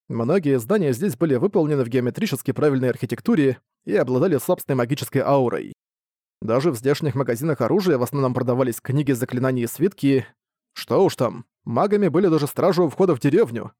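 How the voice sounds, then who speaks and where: A man narrating an audiobook in a steady, even storytelling manner. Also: medium pitch, dry recording, clean studio sound. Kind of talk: scripted narration.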